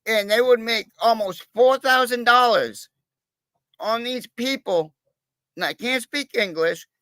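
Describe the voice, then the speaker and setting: A man with a fairly high voice rambles through a casual livestream chat, swearing freely and leaning on fillers. The sound is dry and close, with no room around it. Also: slow pace, bright, forceful tone, no room sound. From Massachusetts, USA. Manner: rambling, profane, with many fillers. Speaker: livestream guest, cop watcher.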